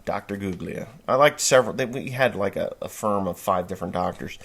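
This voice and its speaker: A podcast host in his forties from New Jersey, USA, has a low, creaky voice with a fairly bright tone and a brisk pace. He rambles through a blunt, folksy monologue packed with fillers and restarts.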